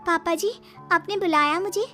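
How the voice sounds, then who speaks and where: A woman voicing a sweet, polite young daughter-in-law in a cartoon story, bright and courteous. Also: extremely high pitch, moderate pace, soft background music, voice pushed up. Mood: cheerful.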